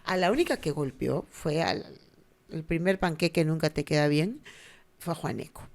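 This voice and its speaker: A woman's voice: sits low, moderate pace, vocal fry. A middle-aged woman with a Peruvian Spanish accent tells stories in a casual chat. Her voice rises and falls a lot. She slips into quoted voices as she goes. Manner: animated storyteller acting out quoted voices. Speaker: podcast co-host.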